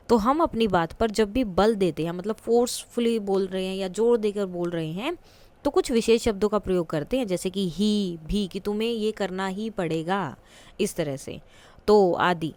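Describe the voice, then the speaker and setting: A woman's voice: medium pitch, a little mellow, dry recording. A woman teaching a school textbook lesson, explaining patiently step by step with examples and questions to the class.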